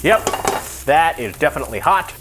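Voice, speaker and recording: Higher-voiced man rambling through casual cooking chat. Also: lively intonation, normal speed, noisy background. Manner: self-deprecating, rambling, offhand asides. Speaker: host of a comedy cooking video.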